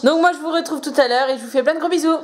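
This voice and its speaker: A woman's voice: sits high, racing. A young woman chatting casually and hesitantly to her handheld camera at home, rambling as a vlogger. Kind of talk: casual vlog chat. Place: at home indoors.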